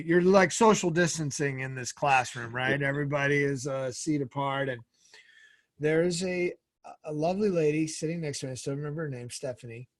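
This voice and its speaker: A middle-aged man, a guest in an interview, telling energetic stories and acting out the dialogue in them. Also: on the high side, no room sound, clean studio sound. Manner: energetic storyteller who acts out quoted dialogue. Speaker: guest, former Navy SEAL and author. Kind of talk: casual interview storytelling.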